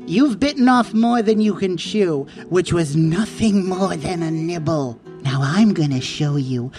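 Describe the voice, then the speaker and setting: A woman's voice: fairly low pitch, measured pace, dark tone, close to an everyday voice. A woman voicing a sinister severed finger villain in an audio drama, menacing and melodramatic, over music.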